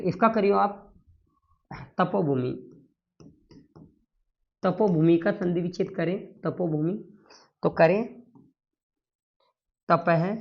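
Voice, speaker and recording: A man's voice: high-pitched, dull audio. A man teaching a Sanskrit grammar lesson, drilling the class with repeated questions and answers.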